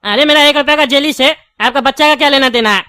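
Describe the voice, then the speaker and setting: A woman's voice: sits high, fast talker, pushed and bright, no echo. A woman voicing a brash cartoon shopkeeper. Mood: irritated. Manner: blunt, bantering, argumentative. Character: brash male sweet-shop owner, quick to argue.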